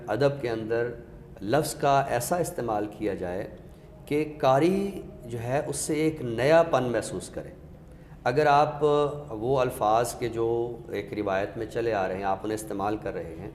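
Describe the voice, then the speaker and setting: As an expert guest, a man with a medium-pitched, slightly mellow voice walks through literary ideas step by step, teaching with examples. The recording has an echoey, reverberant room sound and background noise.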